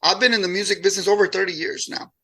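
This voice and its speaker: A man in his late forties, born in Mexico and raised in Houston, chatting as a musician guest in a relaxed interview and often repeating words as he talks. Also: sits high, very fast, creaky, husky. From born in Mexico, raised in Houston, Texas. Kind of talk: casual interview chat.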